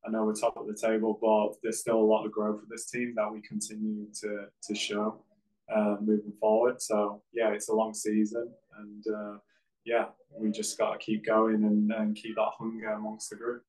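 Brief: male coach, 30s, low voice, very flat delivery, careful press-conference answers. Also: rough recording. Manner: measured, flat delivery with many fillers. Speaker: football head coach. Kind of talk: post-game press conference. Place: press backdrop, indoors.

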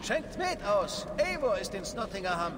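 An actor voicing a boisterous Viking drinker in a video game, with rowdy, hearty tavern bluster. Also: male voice, sits high, very animated, measured pace, noisy background. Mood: rowdy, challenging. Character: boisterous Viking drinker issuing a mead challenge.

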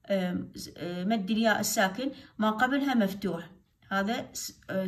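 A woman teacher explaining a religious studies exercise step by step, repeating each answer. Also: a little high. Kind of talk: lesson on Quran recitation rules.

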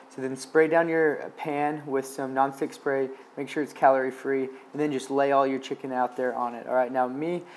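A man's voice: mid-range voice, a little hiss or hum. Upbeat young man explaining meal prep. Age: young adult. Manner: upbeat, instructive, keeps saying okay. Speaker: medical student vlogger. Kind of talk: casual how-to vlog narration. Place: home kitchen indoors and grocery store.

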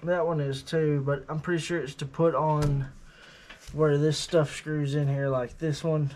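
In his workshop beside a truck, a man hosts a casual unboxing-and-testing vlog, rambling offhandedly with lots of fillers. His voice is on the high side, level, a little slow and a little mellow, with slight hiss or hum in the audio.

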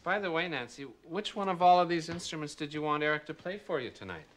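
A man's voice: a little high, animated, quick pace. A man hosting a children's TV show, asking friendly, eager questions. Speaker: children's TV host. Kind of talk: children's TV banter. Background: loud music.

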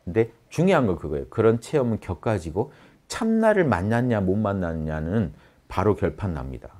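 A man giving a spiritual lecture on meditation, acting out inner voices in a soft murmur. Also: on the low side, very animated, fairly quick. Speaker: meditation teacher. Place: lecture hall.

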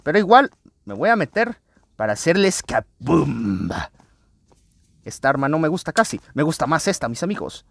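An excitable man, hosting a let's play video and talking to his viewers as he plays. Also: a little high, normal speed, gravelly, no echo. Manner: excitable, often addresses viewers as friends. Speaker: gaming channel host.

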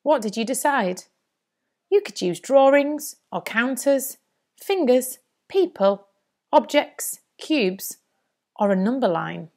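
A woman's voice: on the high side, big pitch swings, slow pace, darkish tone. A woman presenting a scripted lesson for young children as a primary teacher, in a singsong manner. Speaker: primary school maths teacher.

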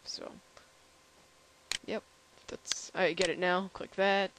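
A tired young man hosting a casual software demo, rambling and halting with lots of fillers. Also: high-pitched, little pitch movement, background noise. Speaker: channel host.

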